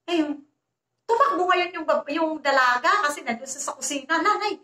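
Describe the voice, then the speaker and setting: A woman vlogger tells a story in a casual, chatty way, often turning to her viewers. Her voice is high and bright. The sound carries a roomy echo. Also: normal speed. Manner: chatty, repeatedly addresses viewers.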